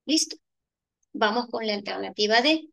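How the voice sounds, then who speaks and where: A woman with a Peruvian Spanish accent explains a grammar exam answer by answer, like a teacher at the board. Her voice sits fairly high and has a gravelly edge. She keeps checking in with the listener through rhetorical questions. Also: animated, moderate pace, a bit bright. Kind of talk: exam solution lesson.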